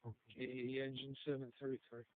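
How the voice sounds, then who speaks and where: A man's voice: mid-range voice, level tone, moderate pace, dry recording. A man working as dispatcher, giving terse, clipped, procedural updates over two-way radio. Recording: tinny phone-like radio dispatch audio.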